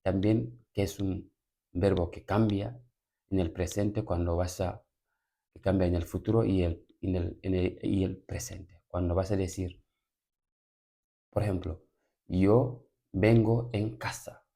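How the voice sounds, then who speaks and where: Hombre de voz grave y áspera, enseñando despacio. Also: male voice, low voice, steady tone, vocal fry, dark tone. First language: Pular. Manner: repeats each word slowly several times. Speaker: language teacher. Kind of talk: slow repetitive vocabulary lesson.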